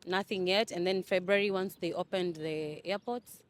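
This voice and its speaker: A woman's voice: on the low side, fairly even intonation, normal speed, a little hiss or hum. A young woman from Kenya answering interview questions casually, hesitant with many fillers and restarts. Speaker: interview guest. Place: Dubai.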